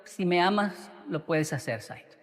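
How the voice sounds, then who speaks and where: A man voicing a gravely ill wife who speaks gently but firmly and earnestly. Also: high-pitched, animated, a little slow, long reverb tail.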